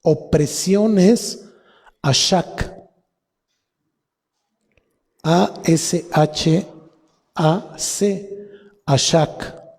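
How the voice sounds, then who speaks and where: A man with a Mexican Spanish accent preaching a sermon as pastor, teaching slowly and spelling out word roots with repetition. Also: on the high side, darkish tone. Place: church hall. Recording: long reverb of a church hall.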